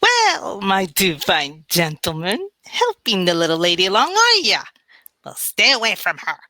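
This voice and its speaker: A woman's voice: medium pitch, wildly swooping pitch, a little slow, pushed and bright, dry recording, exaggerated voice. A woman acting a gloating, menacing wicked witch with cackling, taunting theatrical delivery in a parody radio play. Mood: threatening.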